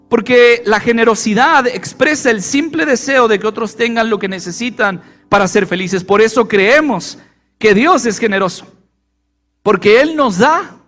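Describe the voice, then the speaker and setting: A man's voice: very high voice, a bit bright. A male pastor preaching a sermon, repeating key phrases and putting questions to the congregation. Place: church.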